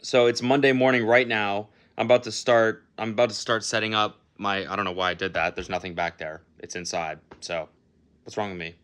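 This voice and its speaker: Young male vlogger, lowish bright voice, loose and joking, swears freely. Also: steady tone, a little fast, clean tone. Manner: casual, swears freely, self-mocking, laughs often. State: out of breath after a run. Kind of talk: casual training vlog.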